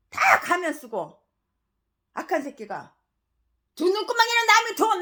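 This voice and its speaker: A woman in her sixties preaching a sermon as a pastor. She rants scornfully, fires off rhetorical questions and swings between loud outbursts and low mutters. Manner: fiery, ranting, scornful.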